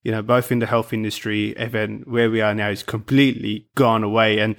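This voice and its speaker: A man's voice: fairly low pitch, flat delivery, fairly quick, vocal fry. A man hosting an interview in a casual, hesitant way, thinking aloud before he asks his questions. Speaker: podcast host.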